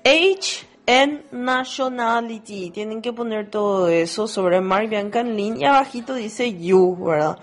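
In a recorded classroom lesson, a woman teaching English walks students through worksheet exercises, explaining each step patiently in a mix of Spanish and English. Her voice is a little high, and she speaks slowly with few pauses.

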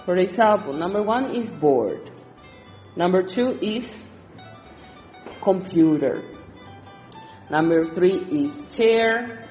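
A woman teaching English to Spanish speakers, explaining exercises and reading each word slowly twice. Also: fairly low pitch, lively intonation, a little mellow, roomy sound, big-room sound, soft background music. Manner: switches between Spanish and English, reads words slowly twice. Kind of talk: recorded lesson explaining exercises.

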